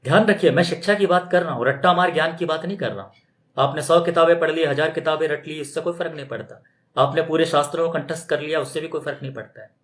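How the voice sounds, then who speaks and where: A man with a fairly high voice gives a loose, conversational spiritual talk. He keeps posing rhetorical questions and slips into mimicking other people's objections. The recording sounds roomy and echoey. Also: fast. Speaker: spiritual teacher. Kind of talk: extempore spoken talk. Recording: roomy echo.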